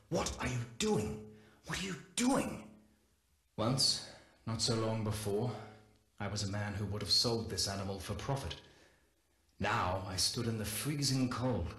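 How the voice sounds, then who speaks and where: A low-voiced male scientist recounts his journal entries in a measured, solemn way. The delivery is steady and sober, like a recorded game log, and the voice rings out in a roomy space. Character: Corpus scientist recounting a wild animal. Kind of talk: scripted game audio-log narration.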